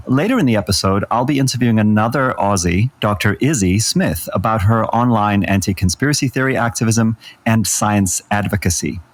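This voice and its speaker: Low-voiced man reading a podcast intro. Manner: measured read-aloud delivery. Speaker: podcast co-host. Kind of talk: scripted episode introduction.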